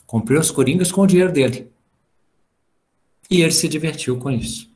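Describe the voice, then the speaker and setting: Over a video call, a middle-aged man lecturing to a spiritist study group delivers a relaxed spiritual talk built on family stories, acting out what each person said. His voice is fairly high and darkish, at a moderate pace.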